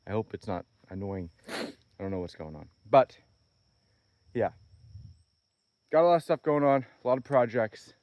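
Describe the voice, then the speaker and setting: A man with a fairly low voice and a tired, slightly hoarse edge talks outdoors into a handheld camera. His delivery is rambling and upbeat as he thinks out loud. The sound is dry and close, with no room echo. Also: animated, normal speed, long pauses, dull audio. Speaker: vlogger. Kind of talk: casual vlog walkthrough. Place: outdoors on wooded property.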